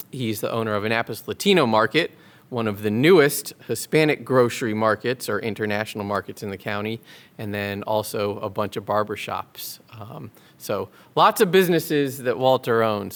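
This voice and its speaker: A man co-hosting a local business podcast, introducing the guest with frequent ums and quick agreement. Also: medium pitch, fairly bright tone. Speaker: podcast co-host.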